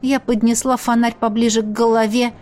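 A woman's voice: a little high, level tone, brisk, darkish tone, soft background music. Woman narrating a fantasy audiobook. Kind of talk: scripted narration of a fantasy novel.

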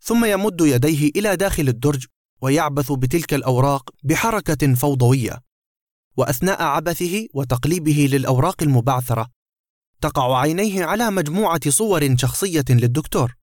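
A man's voice: on the high side, lively intonation, brisk, dry recording, clean studio sound. A man narrating a dramatic short story in Arabic literary style, describing the action between characters.

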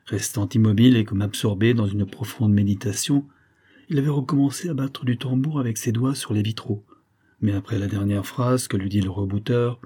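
A man narrating a classic novel in a measured, steady literary reading. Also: fairly low pitch, husky. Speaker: audiobook narrator.

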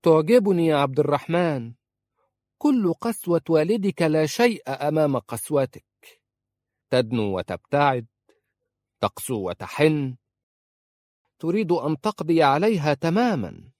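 A man's voice: a little high, sing-song, normal speed, a little mellow, slightly rough, no room sound, clean studio sound, voice pushed up. A man voicing a sarcastic older woman. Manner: mocking, sarcastic. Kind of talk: audiobook character reading.

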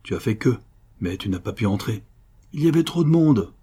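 A man voicing a gruff, nosy innkeeper who talks in a mocking, rough manner. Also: lowish voice, lively intonation, fairly quick, mellow.

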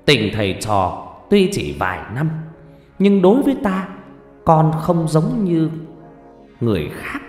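A man doing a slow, weak old sorcerer master. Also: a little high, very animated, darkish tone, voice pushed up. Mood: tender. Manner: slow, weak and drawn-out speech. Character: old dying male sorcerer master, gentle and resigned. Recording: roomy reverb with faint music.

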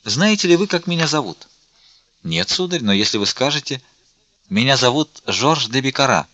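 A man's voice: medium pitch, big pitch swings, normal speed, bright, forceful tone, no echo, lo-fi sound, pitched above the performer's own voice. A man reading a young, courteous royal army officer in an audiobook, polite and formal.

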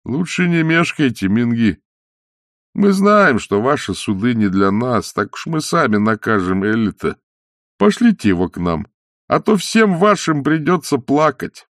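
A man voicing a burly crowd leader of about thirty who speaks briskly and defiantly. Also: mid-range voice, no echo, clean studio sound, pitched above the performer's own voice. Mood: demanding. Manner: brisk, lively, demanding.

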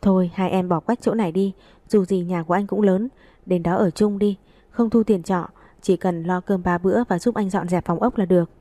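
A woman's voice: medium pitch, fairly even intonation, normal speed, dark tone, dry recording, lightly acted. A woman reading the lines of a cheeky, joking young man in an audiobook, with a playful teasing manner.

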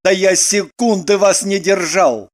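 A man's voice: sits high, a little slow. A man reading the part of a prim, self-important businessman in an audiobook, stiff and indignant.

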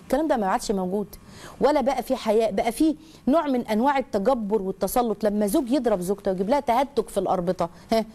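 Fast-talking Egyptian woman giving advice. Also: fairly high pitch, mellow. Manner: earnest, emphatic, lecturing with many restarts. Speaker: advice show host. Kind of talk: religious advice talk, reading a listener's letter.

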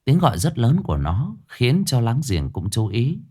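A man narrating a ghost story with expressive, dramatic pacing. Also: mid-range voice, moderate pace, slightly rough.

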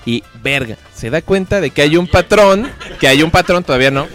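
A Mexican man hosts a podcast in a loose, slangy chat, his pitch bouncing all over as he acts out quotes. A soft music bed sits under his voice. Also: expressive, a little fast. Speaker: podcast host. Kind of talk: casual slangy review chat.

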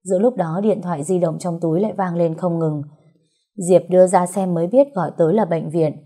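A woman narrating a story in a steady, brisk reading style. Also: on the low side. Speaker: audiobook narrator.

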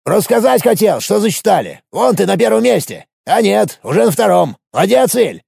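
A man narrating an audiobook and voicing a cheeky, boastful male dwarf who complains loudly. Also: big pitch swings, brisk, no room sound, clean studio sound, full character voice. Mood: indignant. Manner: gravelly, squeaky and complaining. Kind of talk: audiobook character voice.

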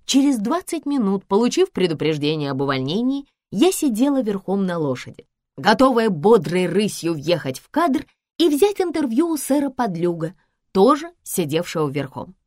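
A woman narrating a first-person audiobook in an expressive, wry, conversational manner. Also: mid-range voice, moderate pace, no room sound, studio quality. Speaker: audiobook reader.

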